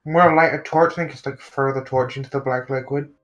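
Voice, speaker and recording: A man's voice: mid-range voice, fairly even intonation, brisk, highs cut off. A man plays a tabletop game in a loose, joking way. Faint music plays behind him. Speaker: player. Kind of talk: casual tabletop play.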